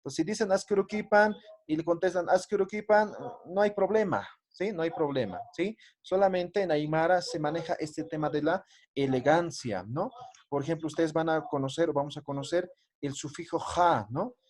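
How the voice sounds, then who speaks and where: A man's voice: on the high side, moderate pace. A man teaching an online language class, patiently drilling greetings and often ending phrases with a questioning "¿no?".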